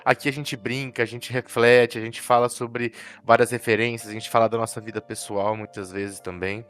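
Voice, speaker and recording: A man co-hosting a podcast, talking in a relaxed, conversational way and often ending thoughts with tag questions. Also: mid-range voice, moderate pace, smooth. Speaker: podcast co-host.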